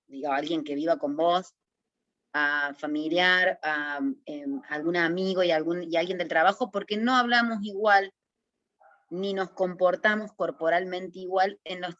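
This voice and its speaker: A woman with a Córdoba accent teaches public speaking over a video call, her voice a little low. She talks in a lively, direct way and keeps tossing questions to her audience. The sound is dull and dry, like webinar audio. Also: a little slow, no echo. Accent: Córdoba Argentine Spanish. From Córdoba, Argentina. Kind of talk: online webinar lesson.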